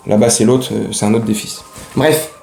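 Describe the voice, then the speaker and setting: A man's voice: fairly low pitch, flat delivery, moderate pace, gravelly, a little mellow, echoey room, soft background music. A man hosting a casual football fan vlog, ranting in slangy, rambling speech. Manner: slangy, heated, rambling with restarts.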